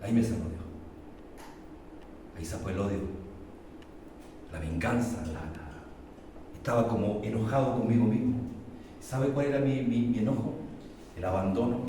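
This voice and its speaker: Impassioned Chilean pastor in an echoey church. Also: male voice. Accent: Chilean Spanish. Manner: impassioned preaching that swings between loud emphatic peaks and low confiding testimony. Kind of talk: sermon. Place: church hall. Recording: echoey church hall, mic far off, faint noise.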